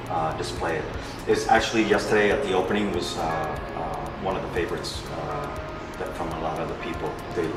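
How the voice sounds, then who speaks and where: This very deep-voiced man, a painter from New York in his 50s, presents his own work during a walk-through at an indoor art gallery. He speaks haltingly, pausing often and using plenty of fillers. Music plays behind him, and the echoey room is recorded from a distance.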